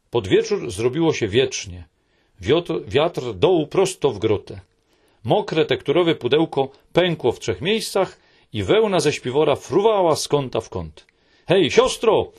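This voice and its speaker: Husky, expressive male storyteller. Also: medium pitch. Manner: expressive storytelling, lingering on soft phrases. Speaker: narrator. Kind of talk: audiobook narration.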